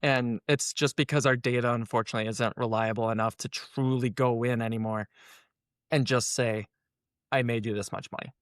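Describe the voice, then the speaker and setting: Speaking at a moderate pace in a smooth mid-range voice, a male SEO consultant appears as an interview guest in a clean, echo-free studio recording. He's casual but firmly opinionated, animatedly acting out imagined exchanges while explaining.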